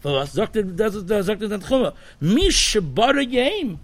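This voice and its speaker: A man, giving a Talmudic study lesson in an animated, sing-song way with many fillers. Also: high voice, a little fast. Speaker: Torah teacher.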